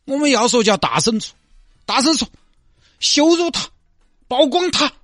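A man's voice: extremely high pitch, very animated, normal speed, a bit bright, no room sound, clean studio sound, faint music behind, voice pushed up, full character voice. A man voicing a pompous, scheming male bureau chief who lectures his staff. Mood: lecturing. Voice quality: lofty, lecturing tone.

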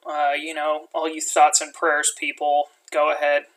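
A man's voice: a little high, monotone, measured pace, a bit bright, low-quality recording. A young man giving angry, profane, unscripted commentary as an activist.

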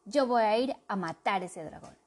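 A bold young princess from a storybook, eager and set on adventure, as a woman puts her on. She speaks with quick, determined excitement. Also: mid-range voice, close to an everyday voice.

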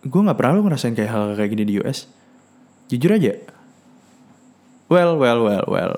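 A man's voice: medium pitch, sing-song, moderate pace, darkish tone. Blunt, cursing man ranting on a podcast. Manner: blunt and profane, mixing in English words; repeats words and restarts often. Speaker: podcast host. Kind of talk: casual solo podcast rant.

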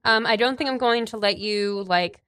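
A woman game master casually describing scenes in a tabletop game, halting as she thinks aloud. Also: on the high side, fairly bright tone, no echo, clean studio sound.

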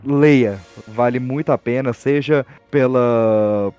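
A man's voice: medium pitch, slow pace, a little mellow, clear, resonant tone, highs cut off, soft background music. A young man with a Brazilian accent, talking casually and animatedly as a podcast guest, with slangy informal phrasing. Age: young adult.

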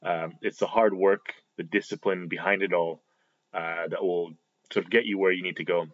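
A man's voice: sits low, fairly even intonation, moderate pace. A man hosting a podcast, giving a hesitant, casual introduction full of fillers. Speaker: podcast host. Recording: dull lo-fi recording.

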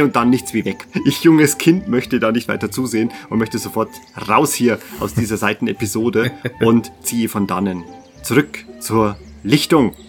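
Storytelling man as game master over music. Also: fairly low pitch. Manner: storytelling, teasing comments. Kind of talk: narrating a tabletop game. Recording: faint background music.

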